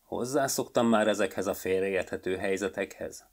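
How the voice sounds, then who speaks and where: A man voicing a timid male magpie in a storybook tale, who stammers and stumbles over his words. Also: sits low. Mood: resigned.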